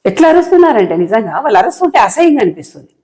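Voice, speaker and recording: A woman with a Telangana Telugu accent speaks at a rapid clip in a heated monologue. She sounds angry and impassioned, repeating words again and again to drive home each point as an online political commentator. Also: a little high, sing-song, a little mellow, low-quality recording. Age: adult, married.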